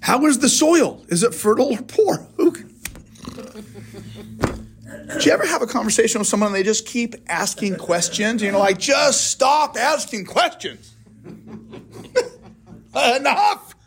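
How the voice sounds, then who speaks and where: Speaking at a moderate pace and pausing often, a high-voiced pastor conducts a casual Bible study in a church classroom. He keeps it conversational, firing questions at the group and answering them himself.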